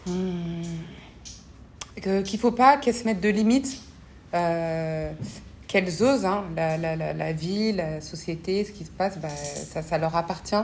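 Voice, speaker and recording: Her lowish, slightly mellow voice moves a little slowly as she gives thoughtful, earnest interview answers, searching for words and repeating them often. She grew up between French and Congolese cultures and works as a parliamentary assistant and association founder. There is slight background noise.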